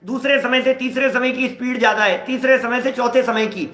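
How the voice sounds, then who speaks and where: A man's voice: very high voice, steady tone, fairly quick, a bit bright, echoey room. A middle-aged man teaching a scripture class in a conversational way, explaining with everyday examples and acting out quoted dialogue. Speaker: religious teacher.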